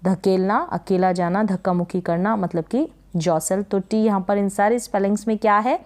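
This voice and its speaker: A woman's voice: medium pitch, fairly even intonation, normal speed, a little mellow. A woman teaching English spelling and pronunciation, patiently repeating each word and asking rhetorical questions.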